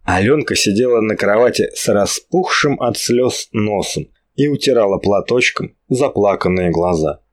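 This is scripted narration from an audiobook: a fairly low-pitched male narrator reads the story in a measured and expressive way.

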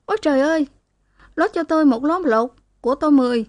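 Woman putting on a wailing young woman, shrill, screeching, l for n, high and rushed, dry close sound. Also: no room sound, natural voice. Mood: shrieking wail. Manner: swaps n for l, screeching fast.

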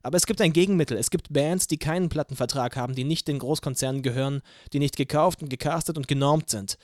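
A man reading an audiobook, voicing a young female singer who gives a loud, rousing protest speech from a rooftop. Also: a little high, fast, no room sound, studio quality, natural voice. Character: young woman, fiery protest band singer. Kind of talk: audiobook character voice.

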